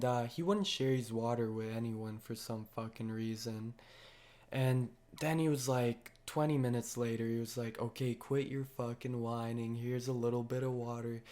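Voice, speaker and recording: A man's voice: medium pitch, warm tone. A young man casually telling a story to his viewers, with heavy slang and constant swearing. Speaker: vlogger.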